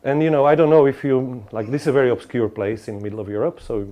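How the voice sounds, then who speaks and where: Male lecturer, rambling delivery, frequent restarts and asides to the room, mid-range pitch. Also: fast, dark tone. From Slovakia. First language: Slovak. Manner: discursive, many restarts and asides to the audience. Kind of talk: academic lecture.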